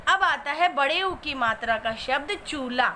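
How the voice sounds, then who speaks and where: A woman's voice: sits high, animated, normal speed, pushed and bright, slight background noise. A woman teaching a spelling lesson, patiently breaking each word into its sounds step by step.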